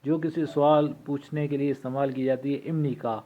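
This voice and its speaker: A man teaching a language lesson from a textbook, reading vocabulary slowly and repeating each word for practice. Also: mid-range voice, fairly even intonation, dark tone. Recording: tinny phone-like recording.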